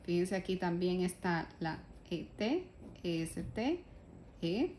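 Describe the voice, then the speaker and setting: In Spanish, a woman teaches a German grammar lesson, explaining patiently step by step, addressing the class as "ustedes" and posing rhetorical questions. Her lowish voice swings widely in pitch, slow and darkish, with slight background noise.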